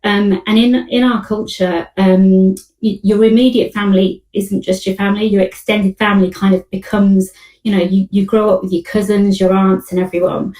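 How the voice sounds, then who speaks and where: A woman's voice: mid-range voice, flat delivery, normal speed, mellow. Woman in her forties, distant and echoey. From United Kingdom. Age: 40s. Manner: conversational, leans on "you know". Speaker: panelist. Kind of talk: casual online panel talk.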